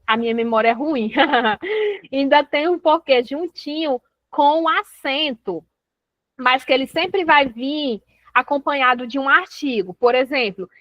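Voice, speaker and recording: Woman teacher, high voice, chatty and informal, dry muffled recording. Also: no echo. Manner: chatty, repeats "tá certo?" and "né?" often. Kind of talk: grammar revision lesson.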